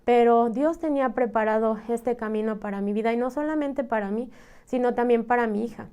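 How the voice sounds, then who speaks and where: A woman's voice: on the high side, fairly quick, mellow, smooth. A woman from Mexico with a Mexican accent giving an earnest, emotional personal testimony, often tagging her sentences with a questioning "¿no?". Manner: earnest, tags many phrases with a questioning "¿no?"; emotional storytelling. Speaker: church member giving testimony.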